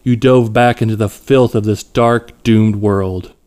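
A man voicing a grandiose male cult leader who speaks slowly and solemnly, like a preacher. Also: fairly low pitch, steady tone, darkish tone, lightly acted.

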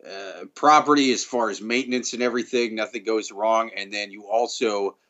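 A man's voice: on the low side, normal speed, fairly bright tone. A man chatting casually as a podcast co-host, blunt and freely swearing. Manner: profane, blunt. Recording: slightly dull, lo-fi audio.

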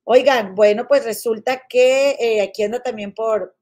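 A woman's voice: on the high side, measured pace. A woman hosting a casual live podcast, chatting affectionately with her viewers, full of diminutives and "comadre". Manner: frequent fillers and restarts, animated swings in loudness. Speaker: live-stream podcast host. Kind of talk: casual live chat reading viewer comments.

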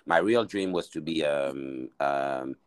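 Man from Mali, very low voice, dry close recording, halting interview answers. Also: clean tone, dry recording. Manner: hesitant, many restarts and fillers. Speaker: guest entrepreneur.

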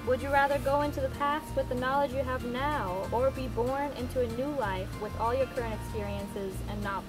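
A woman's voice: high voice, fairly even intonation, brisk, music in the background, poor audio. A young woman in casual chat, reading out would-you-rather questions with a dry, playful manner. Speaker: question asker.

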